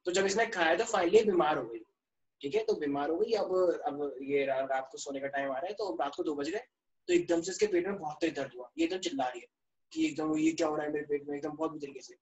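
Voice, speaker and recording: A man's voice: fairly high pitch, fairly quick, highs cut off. A male teacher giving an online class, teasing his students and explaining through stories. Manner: playful, teasing, storytelling with students. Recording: echoey room, voice from a distance.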